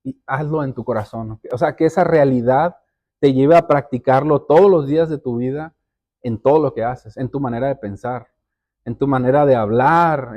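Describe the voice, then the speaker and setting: Mellow-voiced male pastor preaching earnestly. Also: mid-range voice. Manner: earnest preaching, often repeating words as he builds a point; addresses listeners directly as brothers and sisters. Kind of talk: sermon.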